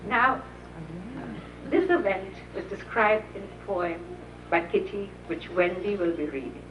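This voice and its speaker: An older woman, expressive and mid-range in voice, recalls an anecdote for a small audience at a gathering, unhurried and chuckling with plenty of laughs. The old VHS recording is muffled and hissy, taken from a distance in an echoey room.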